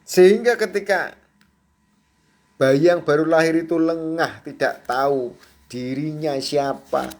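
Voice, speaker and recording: A man preaching a sermon, chatty and quick to laugh, often checking in with his audience and acting out the cries and prayers of a newborn. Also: a little high, darkish tone. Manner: acts out a newborn's crying and prayers. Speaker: Sufi preacher.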